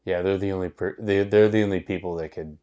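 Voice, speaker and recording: Low-voiced, profane podcast co-host man. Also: fairly even intonation, quick pace, mellow. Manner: profane, rambling storyteller with many restarts. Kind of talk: casual chat.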